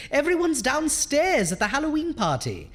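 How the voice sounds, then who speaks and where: A man's voice: very high-pitched, huge pitch swings, measured pace, fairly bright tone, full character voice. A man playing a bumbling, flustered ghoulish doctor who hosts a horror show, hammy and stammering, in a comic radio drama. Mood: flustered, giddy.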